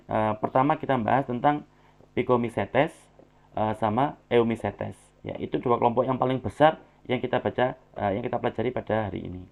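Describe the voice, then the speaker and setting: A man with a medium-pitched voice and vocal fry gives feedback on student presentations in an online class recording. His speech is full of filler sounds, and his phrases often end in a tag word.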